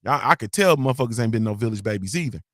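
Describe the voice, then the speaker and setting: A man with a mid-range voice hosts a morning show, talking very fast with lively intonation and a fairly bright tone, reading comments in a casual live-stream chat. He tells slangy stories, cusses often, and keeps tagging lines with "you feel me." The studio-quality recording has no echo.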